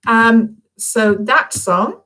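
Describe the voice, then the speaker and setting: A woman with a fairly high, sharp-toned voice draws out her words, and the audio is low quality. As a children's author, she speaks from home on a live video to young schoolchildren, keeping things informal and encouraging while often asking them small questions.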